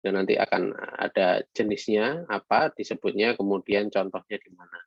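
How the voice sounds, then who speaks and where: Low gravelly man giving a halting lecture. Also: dry recording. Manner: halting, many fillers, mixes in read English phrases. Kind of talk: online lecture. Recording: dull lo-fi sound.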